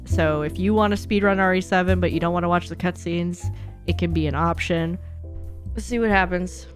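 Speaking a little fast in a steady, fairly low voice, a young woman streams gameplay with soft music behind her. The speedrunner is candid and sweary in her casual chat, talking through her thoughts into a close mic inside a small home streaming room.

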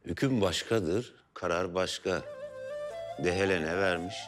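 A grave, shrewd older sheikh, speaks in a historical drama. His voice is very deep, and his short sentences fall deliberately. Music plays underneath. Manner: slow, terse, deliberate.

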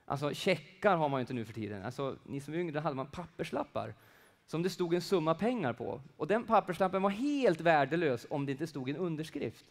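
A middle-aged man delivers a sermon with a slightly high voice. He swings between loud, emphatic peaks and quiet, almost whispered stretches, and drops into easy conversational asides. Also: very animated. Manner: conversational, with asides and everyday examples. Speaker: preacher.

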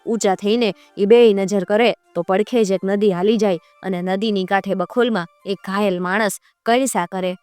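Smooth-voiced woman folk storyteller. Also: mid-range voice, steady tone, moderate pace, hardly any pauses, darkish tone, no room sound, faint music behind. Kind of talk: folk-tale narration.

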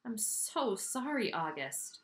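A woman's voice: fairly high pitch, very animated, fairly quick, echoey room, pitched above the performer's own voice. A woman reading a caring, worried mother. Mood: soft. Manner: gentle, concerned. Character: caring, protective mother of a young boy.

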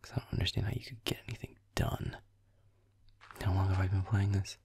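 A young man voices a grumpy, sardonic werewolf boyfriend in an intimate audio roleplay, muttering deadpan while he games. His whispered delivery is low-pitched, a little fast, breathy and gravelly, and he commits to a full character voice.

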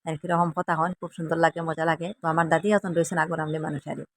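A woman's voice: low voice, little pitch movement, very fast. A woman from Assam with a Sylheti accent, chatting to viewers in a casual cooking vlog in a rambling, chatty way. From Assam, India. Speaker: vlogger.

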